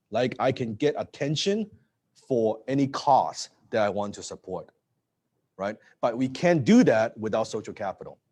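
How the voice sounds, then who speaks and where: Energetic man, keeps asking "right?". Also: medium pitch. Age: 30s. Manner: energetic, repeats words and asks "right?". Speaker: presenter. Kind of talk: live-streamed business talk.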